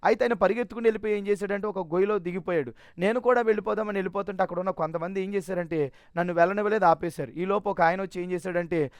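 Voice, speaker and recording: Fast, high-voiced man telling his testimony. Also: dry recording. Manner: earnest, emotional retelling with quick restarts. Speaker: preacher giving his testimony. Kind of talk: personal testimony storytelling.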